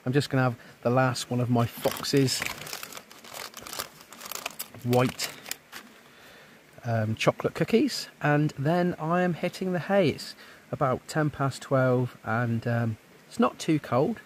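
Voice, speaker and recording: A man's voice: medium pitch, lively intonation, slow pace, a little hiss or hum. A man, chatting casually to camera at a woodland camp, easygoing and full of ums. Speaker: outdoor camping vlogger. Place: woodland camp outdoors by a river.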